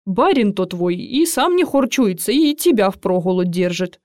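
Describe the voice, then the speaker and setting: A woman reader voicing a rustic peasant nurse who scolds loudly and then softens. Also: mid-range voice, animated, normal speed, dry recording, clean studio sound, lightly acted. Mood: grudgingly kind.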